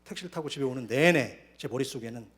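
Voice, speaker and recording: A man preaching a sermon as pastor, telling his own story with lively storytelling. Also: mid-range voice, fast. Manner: animated storytelling, acting out quoted voices. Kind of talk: sermon with personal testimony. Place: church sanctuary.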